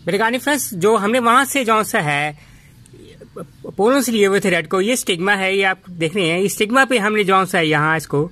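A man hosting a casual gardening tutorial in his home garden, talking in a halting way with many fillers and restarts. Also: high voice, lively intonation, pushed and bright. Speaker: gardening channel host.

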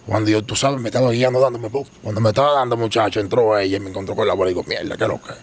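A man's voice: fairly low pitch, fairly even intonation, husky. A man, a guest rambling through stories in street slang during a casual interview. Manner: rapid, rambling storytelling with slang.

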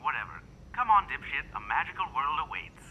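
A man's voice: mid-range voice, big pitch swings, brisk, highs cut off, background noise, lightly acted. A man voicing a dry, sarcastic young male soldier and ladies' man in a game-video comedy. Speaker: squad soldier. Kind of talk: amateur machinima voice acting.

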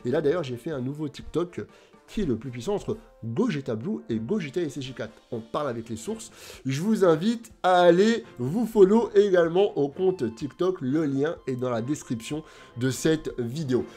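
A man's voice: fairly high pitch, lively intonation, moderate pace, mellow, slightly rough, faint music behind. A man hosting his own video channel, chatting casually and animatedly straight to his viewers. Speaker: YouTube host.

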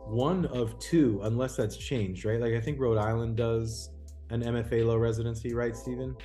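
Mellow lowish guy chatting casually, says um a lot, faint music behind. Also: steady tone, normal speed. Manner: chatty with frequent ums and rhetorical "right?". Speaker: host and program alumnus. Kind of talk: casual talk.

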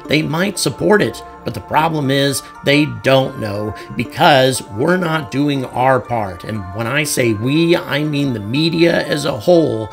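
A man from the United States talks through his commentary with an earnest, explanatory drive. His voice has a gravelly edge, with a soft bed of music behind it. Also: mid-range voice. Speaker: host and street interviewer. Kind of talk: street interviews with voice-over commentary. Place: city street outdoors. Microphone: handheld mic.

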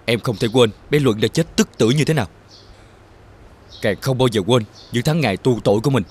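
A man's voice: mid-range voice, brisk, husky, lightly acted. A young man acting as a bitter brother who talks in a cold, resentful tone in a TV drama.

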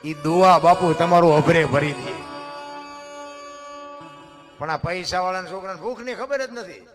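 Man, high voice, devotional storytelling sermon, music playing behind. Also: measured pace. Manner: folksy, addresses listeners as bapu, voices characters in stories. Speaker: spiritual storyteller.

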